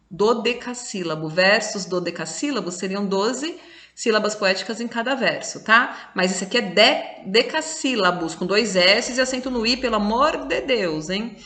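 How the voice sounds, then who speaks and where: Woman teacher, slow patient explaining, roomy echo. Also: medium pitch, expressive, fairly bright tone. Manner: patient, explains step by step, counts syllables aloud. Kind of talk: recorded online class. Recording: echoey room.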